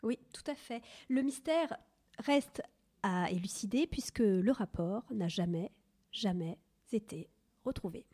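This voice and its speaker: A woman's voice: mid-range voice, lively intonation, unhurried, mellow. A woman co-hosting a mock documentary, prompting with brief questions. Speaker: co-host.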